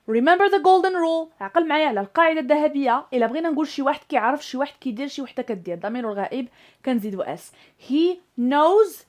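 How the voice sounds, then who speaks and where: A high-pitched woman with a Moroccan Arabic accent teaches English grammar. She explains in Moroccan Arabic and slows way down, stressing each example sentence.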